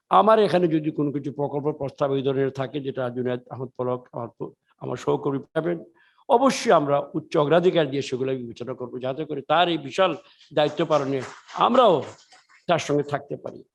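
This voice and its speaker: Gravelly Bangladeshi man giving a formal speech. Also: fairly high pitch. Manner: earnest and emphatic, with rhetorical repetition. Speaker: government official giving a speech.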